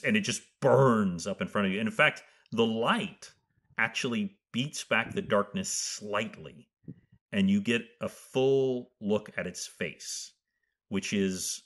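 A male game master improvises tabletop narration. His voice sits a bit low, and he takes his time, with halting, deliberate phrasing. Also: fairly bright tone.

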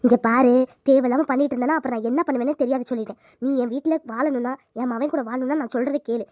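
A woman's voice: high voice, fairly even intonation, rapid-fire, a little mellow, no echo, studio quality, pitched below the performer's own voice, close to an everyday voice. A woman voicing a bossy, stubborn village mother-in-law who scolds and commands in a cartoon.

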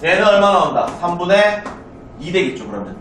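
A very animated, high-pitched man, a bit bright in tone, teaches math to a class with slight background noise behind him. He's from South Korea, talks in a brisk, chatty way, and checks constantly that students follow; the distant mic captures a roomy classroom.

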